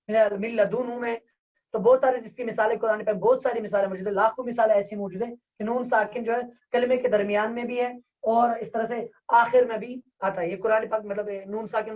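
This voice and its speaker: A man teaching an online Tajweed class, dictating slowly and repeating key terms for his students, with hesitant, drawn-out fillers. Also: high-pitched, fairly even intonation, darkish tone. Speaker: Quran recitation teacher. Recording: distant, dull lo-fi online class audio.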